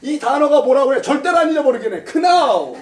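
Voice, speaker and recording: A man's voice: high voice, lively intonation, normal speed. A male pastor teaching a Bible study class, playful, quizzing his listeners and laughing often. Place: church classroom.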